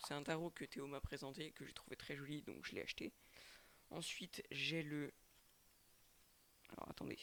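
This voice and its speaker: Hesitant French man, gravelly voice. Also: mid-range voice, fairly bright tone, slight background noise. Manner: hesitant, repeats words and restarts often. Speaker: tarot reader and channel host. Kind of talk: casual tarot reading to webcam. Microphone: microphone with webcam.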